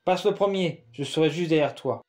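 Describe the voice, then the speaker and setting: A protective young boy pushes his brother to flee, urgent and coaxing, as a male narrator voices him. The pitch sits a little raised and the timbre is mellow. It is a storybook audiobook voice. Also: moderate pace, lightly acted.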